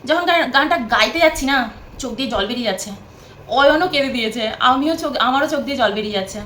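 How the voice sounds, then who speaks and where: A woman's voice: high-pitched, expressive, very fast, a bit bright, reverberant, a little hiss or hum. A woman vlogging at home from her bed, chatting casually to the camera, rambling and repeating herself.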